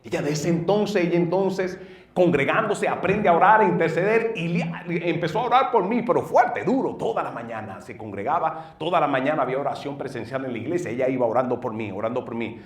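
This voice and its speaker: Earnest Dominican pastor in an echoey room. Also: male voice, brisk. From northeastern United States. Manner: earnest storytelling that swings between loud bursts and low murmurs. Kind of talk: personal testimony. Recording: roomy sound from a distant mic.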